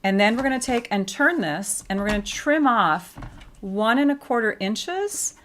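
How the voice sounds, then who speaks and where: A woman's voice: a little high, animated, normal speed, fairly bright tone, slight background noise. A woman giving a casual paper-craft tutorial, chatty and explaining each step with frequent fillers.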